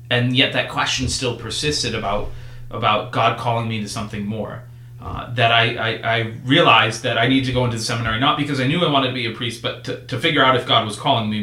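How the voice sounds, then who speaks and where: Bright-voiced priest in a roomy space. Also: male voice, mid-range voice. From northeastern Vermont. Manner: earnest, reflective, with frequent restarts and repeated words. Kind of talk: casual conversational storytelling. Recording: roomy echo.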